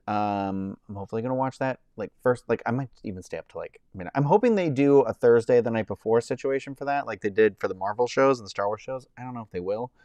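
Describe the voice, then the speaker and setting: Chatting loosely with his stream audience, this thirtysomething man wanders from thought to thought, full of fillers and false starts. He claims his voice is high-pitched, yet it sits in the male middle range and sounds a little mellow. The recording is close and dry, free of echo.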